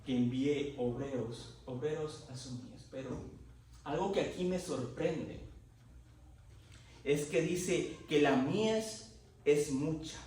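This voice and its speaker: A man's voice: on the high side, takes it slowly, darkish tone, far from the mic, a little hiss or hum. Man preaching in an echoey church. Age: adult, married. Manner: impassioned, testimony-driven preaching with rising emotion. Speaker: lay preacher. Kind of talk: Pentecostal-style sermon. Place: church sanctuary. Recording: very echoey church hall recorded from afar.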